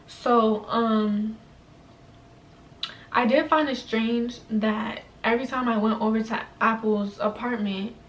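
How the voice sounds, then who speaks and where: A young woman tells a story in loose, slangy chat, leaning on "like" and "you know." Her voice sits a little high. She is recorded in a roomy space from a few feet off, with faint noise in the background. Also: fairly even intonation, slow pace. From New York, USA. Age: young adult. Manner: slangy, chatty, heavy use of "like". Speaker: vlogger. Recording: roomy echo, mic at a distance, faint room noise.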